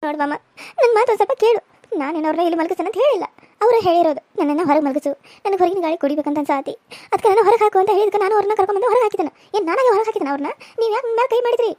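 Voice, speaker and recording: A woman's voice: very high voice, lively intonation, racing, warm tone, no echo, voice pushed up. A woman voicing a tearful, indignant young bride who protests shrilly.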